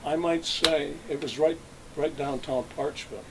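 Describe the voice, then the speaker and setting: A man's voice: fairly high pitch, moderate pace, over a noisy crowd, low-quality recording. An older man in an oral history interview, recalling his working years in a rambling way with many restarts. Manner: rambling, reminiscing with frequent restarts. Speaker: interviewee, retired salesman.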